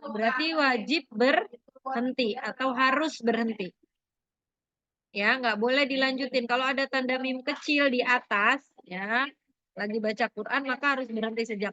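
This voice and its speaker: A woman's voice: high-pitched, bright, forceful tone, dry recording, dull audio. A woman teacher going over a lesson with her class, asking questions and prompting students for answers. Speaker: religious studies teacher.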